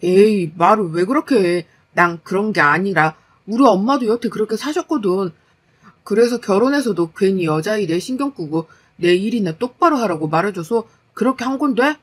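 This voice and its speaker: A woman's voice: mid-range voice, lively intonation, moderate pace, husky. A woman voicing a lazy, defensive young husband who sounds whiny, dismissive and irritable. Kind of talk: storytelling dialogue.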